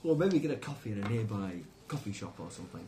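A man with a fairly low voice talks casually as a player around a tabletop game. The recording is clearly noisy. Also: sing-song, quick pace. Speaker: tabletop role-playing player. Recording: noisy home-style group recording.

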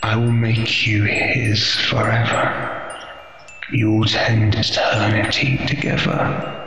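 A man voicing a mysterious, sinister spirit that coaxes slowly and in a hushed, deliberate way during a tabletop role-play. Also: lowish voice, completely flat delivery. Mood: coaxing, sinister. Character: mysterious dark spirit voice, coaxing, sinister tempter. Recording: dull, very echoey, music behind.

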